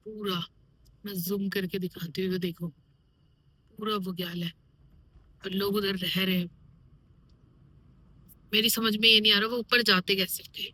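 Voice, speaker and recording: एक युवा गढ़वाली महिला व्लॉगर, जो दर्शकों से दोस्तों की तरह बातें करती हुई अपने गाँव से दिल्ली रवाना होने का हाल सुनाती है।. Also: female voice, medium pitch, bright, forceful tone. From Garhwal, Uttarakhand. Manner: chatty, addresses viewers as friends. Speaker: vlogger. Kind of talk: casual travel vlog.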